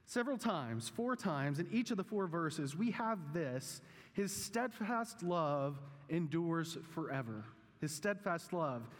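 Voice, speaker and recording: A man, perhaps thirties or forties, preaching as a pastor in a conversational teaching style, with measured, deliberate phrasing and questions to his listeners. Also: fairly high pitch, lively intonation. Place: large reverberant room, preaching live. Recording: long reverb of a hall.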